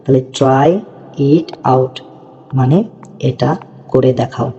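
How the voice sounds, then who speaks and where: Guy teaching english real slow and patient, deep mellow voice, kinda muffled and echoey. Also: flat delivery. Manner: patient, repeats words, often checks understanding. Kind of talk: slow explanatory lesson. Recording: dull lo-fi audio with long reverb.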